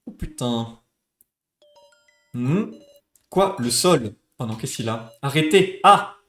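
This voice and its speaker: A man's voice: medium pitch, animated, slow, echoey room, faint music behind. A man playing a video game, reacting with panicky outbursts and cursing. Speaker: gaming streamer. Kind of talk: let's play reactions.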